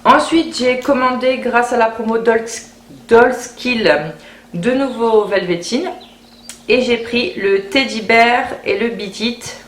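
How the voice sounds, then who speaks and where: A beauty vlogger chats casually through a haul video, her fairly high voice moving slowly as she often repeats words while thinking aloud. The recording has a roomy echo and a faint hiss in the background.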